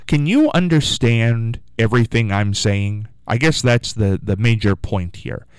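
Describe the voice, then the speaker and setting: This morning call-in host speaks a little slowly in a smooth, mid-range voice with lively intonation. Working a studio mic in a radio studio, he muses and rambles in a casual way while repeatedly inviting listeners to call. The audio has no echo.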